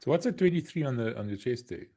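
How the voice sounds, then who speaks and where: A man's voice: medium pitch, animated, quick pace, mellow. A man with a pronounced South African Afrikaans accent hosting a podcast in casual chat, sometimes stammering over words. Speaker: podcast host.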